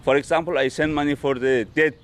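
A man, interviewed outdoors, speaking halting, simple English with repeated words. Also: on the high side, steady tone. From Iran. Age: early 40s. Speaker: interviewee, construction worker. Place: outdoors in a village square.

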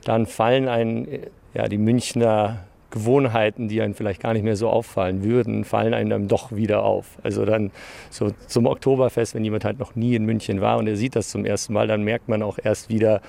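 Gravelly man answering hesitantly outdoors. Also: lowish voice, flat delivery, brisk, dark tone. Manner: hesitant, with many fillers. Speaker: comedian interviewed as a guest. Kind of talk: interview answers. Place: outdoors on a fairground.

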